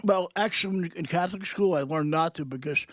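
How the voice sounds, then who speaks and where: A man's voice: fairly high pitch, a little fast, fairly bright tone, no room sound. A man co-hosting a podcast in casual chat, good-natured and self-deprecating, recorded on a studio microphone. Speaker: podcast co-host.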